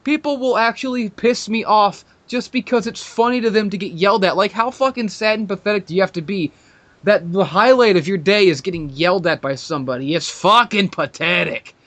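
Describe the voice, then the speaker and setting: A man's voice: high-pitched, brisk, fairly bright tone. A man hosting a podcast, ranting in a profane, sarcastic and mock-arrogant way in casual chat. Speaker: podcast host.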